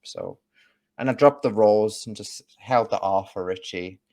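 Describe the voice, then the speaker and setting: A man's voice: fairly low pitch, measured pace, darkish tone. A man from the UK, a guest in a casual conversation, explaining his views and thinking aloud with restarts. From United Kingdom.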